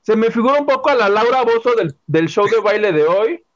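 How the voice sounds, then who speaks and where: A man's voice: high-pitched, lively intonation, fairly quick, muffled recording. A man with a Mexican accent co-hosting a casual entertainment chat, gossiping dramatically about a TV singing show. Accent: Mexican Spanish. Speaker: show co-host.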